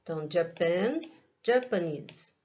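A Brazilian woman teacher talks young kids through an English lesson, unhurried and deliberate, saying each word twice. Her voice comes through a laptop webcam with a dull, lo-fi sound. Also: fairly low pitch, expressive, a little mellow. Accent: Brazilian Portuguese. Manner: slow, careful, repeats each word for children. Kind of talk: recorded online class.

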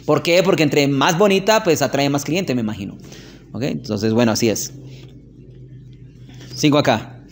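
Pitched in the middle, the teacher speaks at a moderate pace with long pauses. It's a relaxed religious class where he chats, asks "¿ok?" frequently, and shares anecdotes with laughter.

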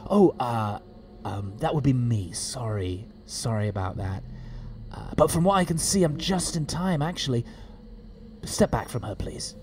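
An actor playing a quirky, defiant time-travelling hero in an audio drama, theatrical, moving between flustered mumbling and quiet threat. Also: male voice, mid-range voice, lively intonation, unhurried, a little hiss or hum, close to an everyday voice. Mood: flippant, apologetic.

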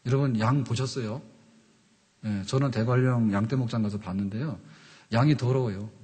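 A man's voice: medium pitch, moderate pace, darkish tone, slightly rough. A man in his fifties, a pastor preaching a conversational sermon at a pulpit microphone, often asking the congregation questions. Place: church sanctuary pulpit. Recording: reverberant church hall.

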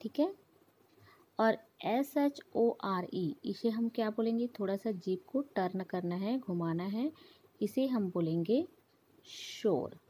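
Slow, soft-spoken woman teacher. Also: mid-range voice, husky. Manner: slow, patient explaining with repeated examples. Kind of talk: English phonics lesson.

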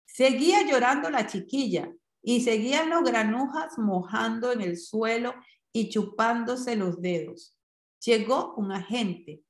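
A woman narrating a short story in a measured, expressive reading voice. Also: fairly high pitch. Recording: roomy echo.

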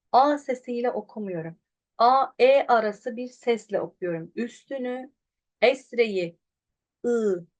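A woman's voice: fairly high pitch, a little mellow. A woman teaching pronunciation online, demonstrating sounds and contrasting right and wrong versions while patiently addressing her viewers. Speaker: Quran recitation teacher.

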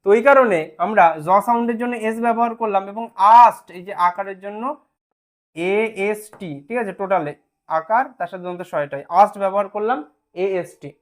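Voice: mid-range voice, fairly quick. An English spelling teacher giving an online lesson, patiently sounding words out syllable by syllable and often checking that students follow.

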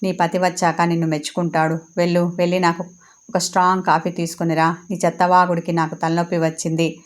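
A woman's voice: on the low side, flat delivery, a little fast, natural voice. A woman doing a sneering scheming rival. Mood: taunting. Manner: sarcastic, taunting.

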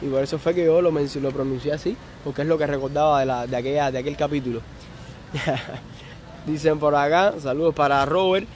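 A man's voice: on the high side, fairly even intonation, fairly quick, a little hiss or hum. Chatty Cuban man on a live stream. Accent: Cuban Spanish. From Cuba. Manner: chatty, reads viewer comments aloud and answers them. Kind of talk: casual live stream chat.

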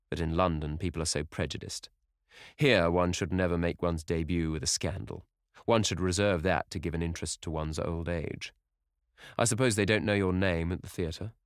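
A worldly aristocratic gentleman, put on by a man reading aloud, talks in a cool, measured, drily witty way. The voice is deep and sounds close and dry. It is an audiobook character voice. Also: no echo.

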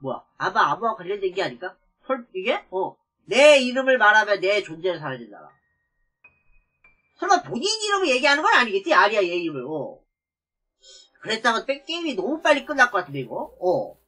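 Bright, lively woman streaming a game. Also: medium pitch, quick pace, husky, faint music behind. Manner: animated, talks to viewers, exclaims loudly when startled. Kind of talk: let's play commentary.

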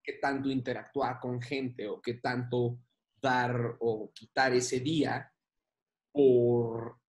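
Animated Mexican man telling funny stories. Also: medium pitch, slow. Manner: animated, slangy, self-mocking, acts out voices. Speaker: comedian guest. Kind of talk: casual storytelling chat.

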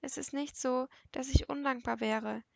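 A woman's voice: high voice, fairly even intonation, normal speed, creaky, no room sound. A woman voicing a guarded, self-reliant young woman in an audiobook, speaking defensively and close to tears. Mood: vulnerable. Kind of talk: audiobook character reading.

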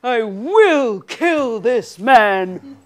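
Woman doing a pompous would-be king, high voice, slow, lively, mock-regal, comic stage parody. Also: exaggerated voice. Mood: boastful. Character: boastful drunken would-be king, male.

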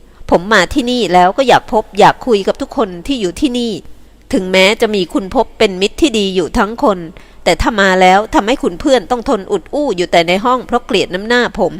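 A woman's voice: mid-range voice, quick pace, natural voice. A woman reading the part of an earnest young man who pleads to be heard. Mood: pleading.

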